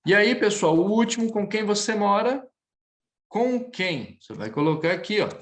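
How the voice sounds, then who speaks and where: Lively-voiced male French teacher. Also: high-pitched. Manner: patient, repeats phrases slowly, often ends with "tá bom?". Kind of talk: live online class, explaining to students.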